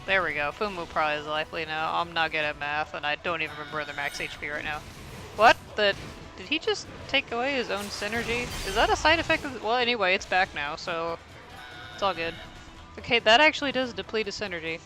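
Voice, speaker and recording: A man's voice: high-pitched, expressive, a little fast, music in the background, poor audio. A man giving casual, rambling play-by-play commentary on a fighting game tournament, thinking aloud and poking fun at himself.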